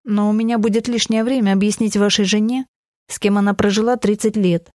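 A woman's voice: mid-range voice, steady tone, fairly quick, a little mellow, no room sound, clean studio sound. A woman narrating a novel in the first person, with earnest, emotional delivery. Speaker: audiobook narrator.

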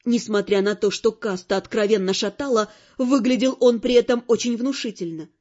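Woman narrating an audiobook, expressive and wry, high mellow voice. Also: moderate pace, muffled recording. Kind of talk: scripted narration.

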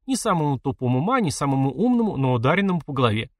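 A man's voice: mid-range voice, sing-song, rapid-fire, no echo, clean studio sound, close to an everyday voice. A man voicing a sulky stubborn village boy. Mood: defensive. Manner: snappish, grumbling.

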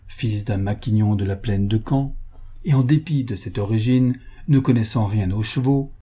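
A male audiobook narrator reading a classic novel. His voice is mellow and dark, with a husky grain, at a middle pitch. He reads in a measured, even way.

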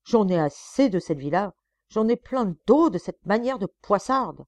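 A woman's voice: mid-range voice, expressive, moderate pace, a little mellow, no echo, lightly acted. A woman voicing a stammering, henpecked husband who coaxes his wife, recorded close and dry. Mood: exasperated. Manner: coaxing, stammering. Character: pleading henpecked husband, stammering, then exasperated.

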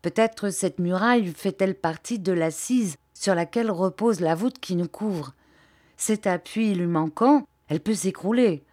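A woman's voice: medium pitch, unhurried, a little mellow, natural voice. A woman voicing a blunt, sardonic woman adventurer with a wry, offhand manner. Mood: warning.

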